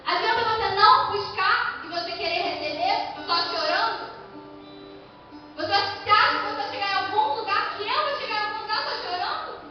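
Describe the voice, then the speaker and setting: A young Brazilian woman preaching a sermon in a church, animated, acting out people's reactions as she speaks. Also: extremely high pitch, moderate pace, faint music behind. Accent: Brazilian Portuguese. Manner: animated, acts out quoted reactions in her own voice. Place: church hall. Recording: echoey church hall, far from the mic, dull sound.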